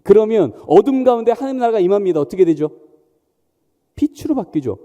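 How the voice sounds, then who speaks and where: A man's voice: high-pitched, expressive, a little fast, warm tone, lo-fi sound. A man preaching a sermon in a church, emphatic and often questioning the congregation. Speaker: pastor. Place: large church hall. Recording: long church hall reverb.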